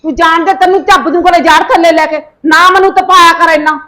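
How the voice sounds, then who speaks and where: A woman with a Punjabi accent acting a sharp-tongued mother-in-law who scolds in a village family drama. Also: extremely high pitch, fairly even intonation, a little fast.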